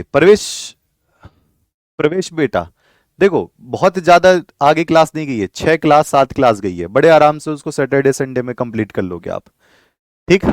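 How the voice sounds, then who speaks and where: A man's voice: on the high side, dry recording. A man teaching a live online chemistry class, explaining patiently, repeating key points and asking his students to reply.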